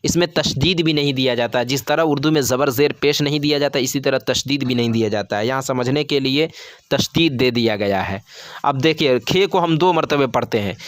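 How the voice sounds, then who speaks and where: A man teaching how to read Urdu, spelling words letter by letter and then reading each one slowly. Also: mid-range voice, no echo. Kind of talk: slow spelled-out reading lesson.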